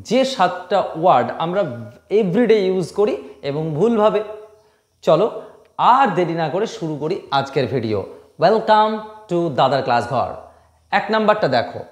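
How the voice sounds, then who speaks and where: A man's voice: sits high, echoey room. A man from Bengal teaching English pronunciation, repeating each word emphatically to drill it. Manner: emphatic, repeats words slowly to drill them. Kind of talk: pronunciation lesson.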